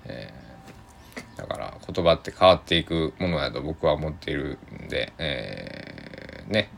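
A man hosts a solo podcast in a loose, rambling way, full of hesitations, with a touch of Tosa dialect. His voice sits very low and carries a gravelly rasp. His pitch swings widely as he chats. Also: expressive, a little slow, fairly bright tone, a little hiss or hum. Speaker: podcast host.

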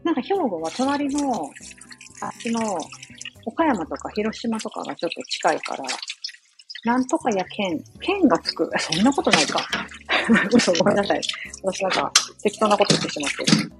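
A woman from Osaka hosting a casual live stream from her home kitchen, chatting in a rambling way full of fillers and quick apologies. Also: mid-range voice, lively intonation, music in the background, rough recording. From Osaka, Japan. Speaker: live audio stream host. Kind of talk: casual chat while cooking, reading listener comments.

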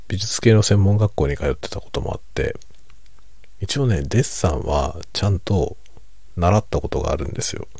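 A middle-aged man chatting quietly late at night over a drink, in a hushed, unhurried, musing and self-deprecating way. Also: a bass voice, creaky, slightly rough, no room sound. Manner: relaxed monologue while drinking alcohol. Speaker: streamer.

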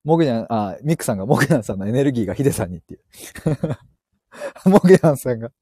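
A man's voice: medium pitch, expressive, very fast, mellow, breathy edge, no room sound. A man hosting a casual live stream, reading listener comments and joking with frequent laughter while he walks outdoors, speaking into an earphone mic. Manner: playful, laughs often, joking. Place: outdoors, walking.

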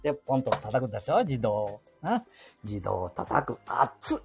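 A podcast host in his seventies with a Nagoya dialect rambles to himself while walking outdoors and inside a bank ATM booth, full of chuckles and asides. His mid-range, gravelly voice swings widely in pitch at a measured pace, with music in the background.

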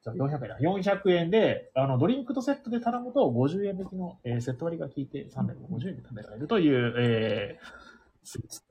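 A man's voice: on the high side, big pitch swings, fast talker, warm tone, dull audio, a little hiss or hum. A male radio show host chatting casually over an iPhone mic, with lots of fillers and laughter. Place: board game bar. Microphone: iPhone held close.

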